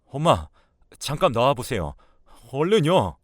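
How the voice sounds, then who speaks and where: A man's voice: medium pitch, sing-song, normal speed, no room sound, voice pushed up, natural voice. A man voicing a grown son who urgently presses his mother with a raised voice in a radio drama.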